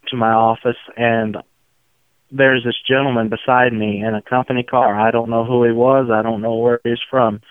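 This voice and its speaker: A man from Tennessee with a slow, unflappable Southern drawl, talking reflectively as an interview guest. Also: mid-range voice, level tone, clear, resonant tone, no room sound. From outskirts of Memphis, Tennessee. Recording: muffled narrow phone-like line.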